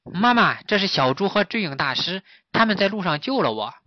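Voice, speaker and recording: A man voicing an eager young boy fawn in a storybook, bright and pleading. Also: high-pitched, sing-song, a little fast, no echo, dull audio, pitched above the performer's own voice.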